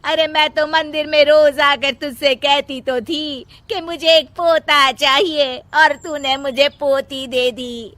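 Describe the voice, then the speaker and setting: A woman voicing a proud, scornful older grandmother in an animated story, who talks in scolding lectures. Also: sits high, takes it slowly, hardly any pauses, dry recording, exaggerated voice. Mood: wailing.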